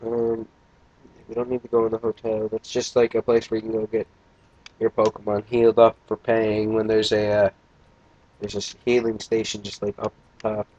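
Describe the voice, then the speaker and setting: A man's voice: fairly low pitch, completely flat delivery, moderate pace, darkish tone. Sleepy young guy doing a let's play, crude jokes, rambly, muffled cheap mic. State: tired, yawning. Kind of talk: casual game commentary.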